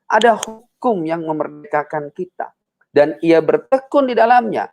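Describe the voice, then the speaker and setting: A man preaching a sermon in a casual, animated way, tagging nearly every phrase with "ya" and swinging between low murmurs and high emphatic bursts. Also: unhurried, vocal fry.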